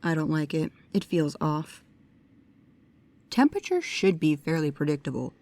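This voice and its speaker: This woman's low, darkish voice swings widely in pitch at a moderate pace. In an audio roleplay she plays a bookish young paranormal investigator, precise and nervous, speaking directly to the listener with a pedantic, curious mood and a hesitant, earnest, pedantic manner.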